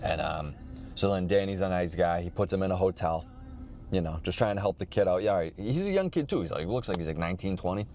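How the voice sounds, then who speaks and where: A man's voice: low-pitched, expressive, fast talker, a little mellow. A man chatting casually in a rambling, slangy, profane way with a laid-back stoner drawl. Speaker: vlogger.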